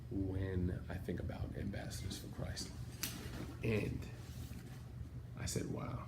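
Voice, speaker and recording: A man's voice: low voice, little pitch movement, takes it slowly, very noisy. A man recalling his church choir days in a rambling, casual tribute full of fillers. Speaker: former choir member giving a tribute.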